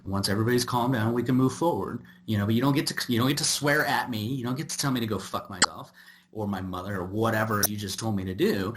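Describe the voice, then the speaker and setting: A man's voice: fairly low pitch, steady tone, quick pace, background noise. A man hosting a podcast, chatting casually and trailing into fillers and repeated words. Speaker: podcast host.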